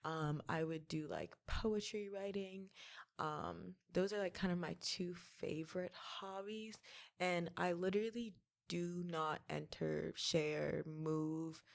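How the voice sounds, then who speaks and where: Chatty young woman with a gravelly edge. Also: on the low side, fairly even intonation, takes it slowly. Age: 20s. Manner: chatty, heavy use of "like", playful self-mocking. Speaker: podcast guest, college student. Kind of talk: casual interview chat.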